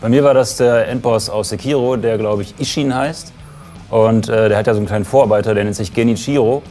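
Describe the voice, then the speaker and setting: A man telling a rapid, annoyed anecdote about failing a boss fight. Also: lowish voice, fairly even intonation, warm tone, faint music behind. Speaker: games show regular. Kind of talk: casual anecdote.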